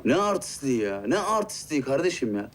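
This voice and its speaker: A man's voice: mid-range voice, very animated, quick pace, close to an everyday voice. An actor playing a touchy man who answers defensively and sarcastically, sulking. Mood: sulky. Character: sulky, touchy man who pretends not to care. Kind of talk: TV series acting.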